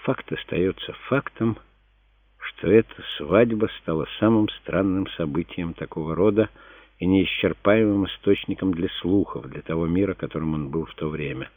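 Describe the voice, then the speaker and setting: A man reading a historical novel aloud as narrator, in a steady, measured way. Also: low voice, dry recording. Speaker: audiobook narrator. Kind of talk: scripted narration. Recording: dry, phone-like narrow sound.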